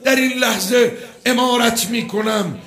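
A man's voice: very high-pitched, fairly bright tone, pitched above the performer's own voice. A man voicing a scornful, commanding enemy general who barks orders with contempt. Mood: contemptuous. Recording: echoey hall with faint music.

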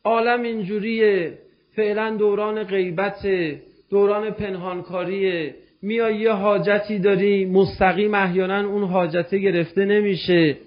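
High-voiced emotive preacher telling a story. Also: male voice, steady tone, dull audio. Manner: emotive, addresses listeners directly. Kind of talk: religious storytelling sermon.

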